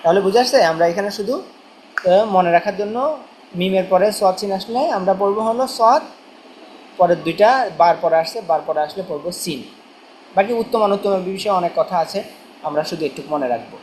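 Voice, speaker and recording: A Quran reading teacher speaks at a middle pitch. The teacher spells each letter out slowly and repeats it again and again, asking a question and then answering it. There is a faint hum of noise behind the voice. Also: a little mellow, low-quality recording. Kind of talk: spelling-drill lesson.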